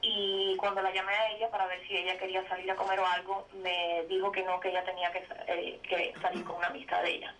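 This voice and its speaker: A woman's voice: mid-range voice, flat delivery, fast talker, few pauses, fairly bright tone. A woman calling in to a radio show, talking about her personal life on the phone. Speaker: caller. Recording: distant, noisy phone line.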